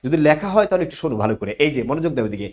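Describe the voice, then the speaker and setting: Casting note: male teacher, explanatory, pitch a touch high. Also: very animated, very fast. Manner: explanatory, asks questions and answers them himself. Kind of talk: online class lecture.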